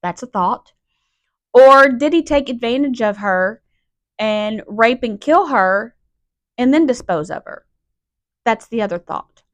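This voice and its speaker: A woman's voice: on the high side, animated, dry recording. Raw-voiced woman podcaster. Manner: raw, emotional, speaks in halting restarts. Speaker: podcast host. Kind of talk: personal monologue.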